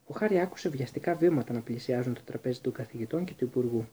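A man narrating a storybook in a measured, tense storytelling manner. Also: medium pitch, warm tone, slight background noise. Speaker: audiobook narrator.

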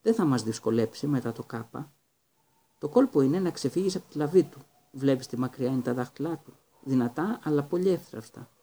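A man voicing a calm, kindly male teacher who speaks gently and sounds a little tired, in a Greek audiobook reading. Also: medium pitch, husky. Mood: gentle.

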